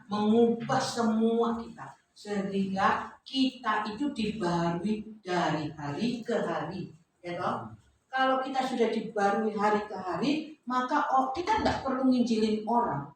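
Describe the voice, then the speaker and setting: A woman preacher, giving a conversational sermon at a church service in a lively, chatty way, full of tag questions. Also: mid-range voice. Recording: very echoey, noisy church hall from far off.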